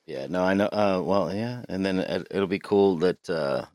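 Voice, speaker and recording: A man's voice: deep voice, normal speed, a little mellow, dry recording, clean studio sound. A man co-hosting a podcast, chatting casually and swearing freely with many restarts, recorded inside a small closet. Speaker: podcast co-host. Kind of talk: casual chat.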